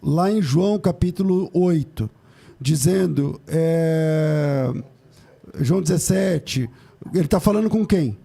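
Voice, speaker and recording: A Brazilian man hosting and moderating a live religious debate as a pastor, questioning in a halting, insistent way. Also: on the high side, gravelly, mellow. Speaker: host pastor.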